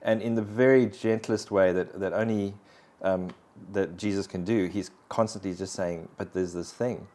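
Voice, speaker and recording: In an interview, a South African man shares his personal faith story in an earnest, reflective, conversational testimony. His low voice stays steady and a little mellow, at a moderate pace.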